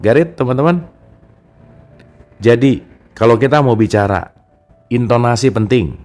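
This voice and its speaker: A man's voice: mid-range voice, a little slow, a little mellow, soft background music. A man giving a casual, chatty talk about a self-help book and speaking straight to his listeners as friends. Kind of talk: casual spoken book discussion.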